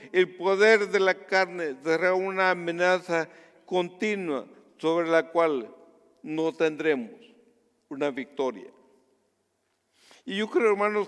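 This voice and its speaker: Slow, high-voiced pastor preaching in a hall. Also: male voice, clean tone. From Guatemala. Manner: earnest, measured preaching that drops to a hush on personal stories. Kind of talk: sermon.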